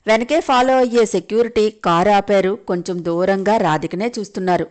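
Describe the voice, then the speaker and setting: A woman's voice: mid-range voice, normal speed, darkish tone. Woman, Telugu accent, storyteller, scripted audio drama narration. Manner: voices each character lightly in quoted lines.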